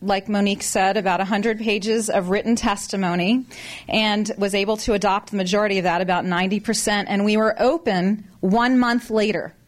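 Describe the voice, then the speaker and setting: A woman doctor giving a conversational public talk to a meeting audience, animated, with restarts and asides. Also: mid-range voice, fairly quick.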